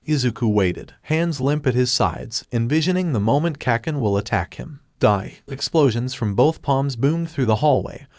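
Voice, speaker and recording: A man reads a fan fiction story aloud in steady, even scripted narration. His voice sits at a middle pitch and the recording is dry and close, with no room around it. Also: normal speed, few pauses, dry recording.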